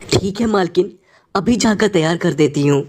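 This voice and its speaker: A woman voicing a poor hardworking maid and mother, soft and humble, in an animated story. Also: lowish voice, normal speed, natural voice.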